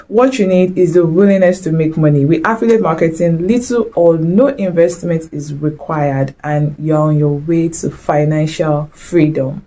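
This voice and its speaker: With a lowish, dark voice, a young Nigerian-accented vlogger addresses the camera directly in a motivational talk. She's chatty and full of exclamations, mixing Nigerian slang into her speech.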